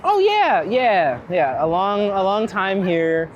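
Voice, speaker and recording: A very animated but unhurried mid-range voice belongs to a Philadelphia street photographer being interviewed on a walk, musing wryly and at length. The lo-fi audio captures city street ambience, traffic, and passing vehicles.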